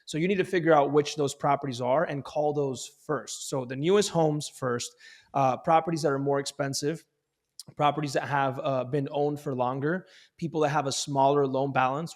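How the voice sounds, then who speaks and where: A man's voice: mid-range voice, steady tone, fairly quick. A male real estate agent guest giving sales tips in emphatic talk, often repeating words as he starts a phrase. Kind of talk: fast sales-coaching talk.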